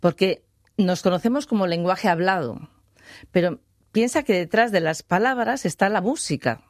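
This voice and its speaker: A woman's voice: fairly low pitch, moderate pace, no room sound, clean studio sound. A woman speaking as an interview guest about voice work, thoughtful and trailing off with fillers and tag questions. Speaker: guest, voice and free singing teacher. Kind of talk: relaxed interview answers.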